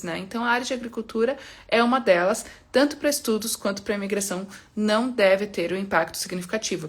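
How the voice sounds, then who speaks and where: On a live stream, a woman immigration consultant with a medium-pitched voice answers viewers' questions calmly and reassuringly, explaining things and often closing phrases with "né?" and "tá?".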